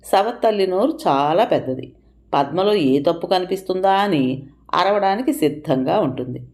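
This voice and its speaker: A woman narrating an audio story in an expressive manner, lifting her voice for quoted speech. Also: on the low side, normal speed.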